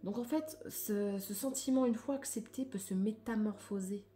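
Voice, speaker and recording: A woman reads oracle cards aloud in a soft, reflective way, adding her own comments and often trailing off. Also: mid-range voice, normal speed, faint music behind. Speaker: spiritual card reader.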